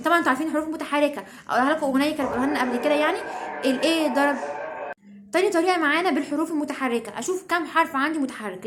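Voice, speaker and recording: Fast-talking Egyptian woman teacher. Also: sits high, fairly bright tone. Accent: Egyptian Arabic. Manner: chatty, keeps checking understanding. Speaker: English grammar teacher. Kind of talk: online grammar lesson.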